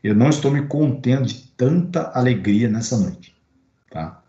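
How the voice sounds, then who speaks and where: A man with a Brazilian Portuguese accent putting on a low, slow, droning voice while saying how excited he is. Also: close to an everyday voice. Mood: flat monotone. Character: adult male speaker, low and flat while claiming joy. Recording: roomy, dull recording.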